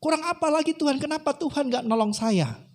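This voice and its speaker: A man's voice: sits high, brisk, darkish tone. A man voicing a devout, stubborn man who pleads again and again to be rescued, in a raised, desperate voice. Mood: protesting.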